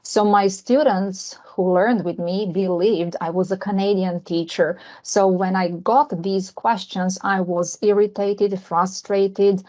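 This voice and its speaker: A woman's voice: mid-range voice, steady tone, warm tone. Woman from Serbia presenting over a call. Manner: friendly, with frequent filler pauses. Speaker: conference presenter, English teacher. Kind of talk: online conference presentation. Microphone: video call. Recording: dull lo-fi video call audio.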